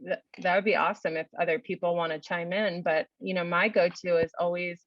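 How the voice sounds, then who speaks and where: A woman's voice: lowish voice, steady tone, brisk, dry recording. Woman explaining thoughtfully over a dull webinar line. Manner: thoughtful, many "you know" fillers. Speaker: psychologist guest speaker. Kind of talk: webinar Q&A answer.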